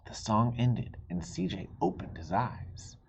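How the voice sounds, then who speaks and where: A man reading a children's picture book aloud in an expressive storytelling style, with dramatic pauses. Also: lowish voice, vocal fry, lo-fi sound, slight background noise. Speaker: storybook reader.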